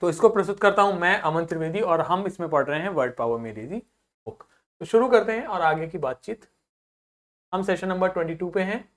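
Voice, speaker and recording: A man teaching a vocabulary lesson, repeating each word several times slowly for learners and mixing English into his Hindi instruction. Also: high-pitched, a bit bright. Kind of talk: vocabulary lesson with pronunciation drills.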